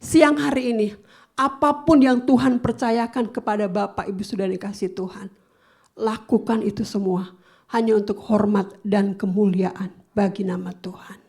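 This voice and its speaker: A woman pastor preaching a sermon, animated, swinging between loud emphasis and soft asides. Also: mid-range voice, normal speed, breathy edge. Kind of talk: sermon with personal anecdotes.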